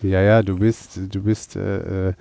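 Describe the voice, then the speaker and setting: A man from the Rhineland co-hosting a casual podcast chat from inside a car, hesitant with many fillers and animated when he protests. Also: low voice, unhurried, vocal fry, no echo. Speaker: podcast co-host. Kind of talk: casual chat among friends.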